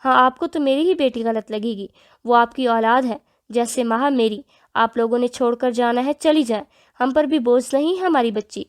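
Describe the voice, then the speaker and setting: A woman's voice: fairly high pitch, lightly acted. Woman doing protective middle-aged mother, bitter, reproachful emotional tone, audio novel.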